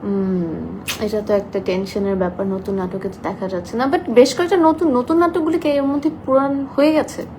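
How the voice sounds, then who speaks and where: A soft-spoken young woman chatting casually on a live stream, reading out viewer comments and mixing English into her talk. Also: mid-range voice, steady tone, a little fast, a little hiss or hum, rough recording.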